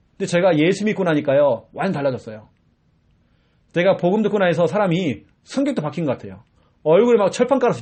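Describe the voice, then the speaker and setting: A man in his forties preaches to a church congregation. His voice is husky and sits fairly high, and it swings widely in pitch as he acts out pleading cries. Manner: animated preaching with acted-out shouts. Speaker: pastor. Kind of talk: sermon.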